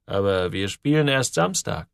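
A man voicing a grown male musician, speaking slowly and drawn out. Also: expressive, vocal fry, clear, resonant tone, dry recording, studio quality. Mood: calm. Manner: slow, drawn out, low. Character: gruff adult male musician Kringström.

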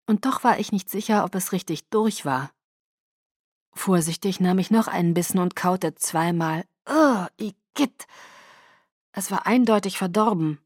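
A woman narrating an audiobook in the first person with a calm, measured reading. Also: mid-range voice, no echo, clean studio sound.

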